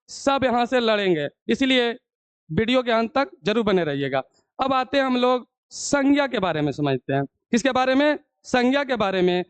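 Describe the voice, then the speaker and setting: High-voiced Hindi teacher, quizzing students. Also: male voice, smooth, no room sound. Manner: asks the class questions and answers them himself. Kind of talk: classroom-style video lesson.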